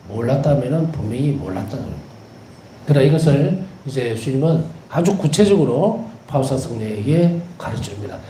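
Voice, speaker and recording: Animated Korean priest, roomy echo. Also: male voice, medium pitch, slight background noise. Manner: animated, repeats key words for emphasis; tells anecdotes with gentle humor. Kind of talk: devotional lecture.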